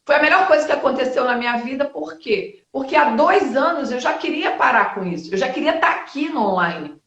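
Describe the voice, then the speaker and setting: A woman in her fifties speaking as a guest in a live-stream interview, lively and blunt, with quick asides and the odd swear word. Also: high voice, reverberant, highs cut off. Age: 50s. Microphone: video call.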